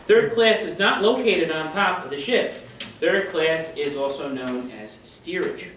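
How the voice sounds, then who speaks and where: High-voiced man telling history in echoey hall. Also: lively intonation, unhurried, a bit bright, slight background noise. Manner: chatty, keeps checking in with the audience. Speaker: history presenter. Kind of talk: live storytelling presentation to an audience. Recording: echoey room, voice from far off.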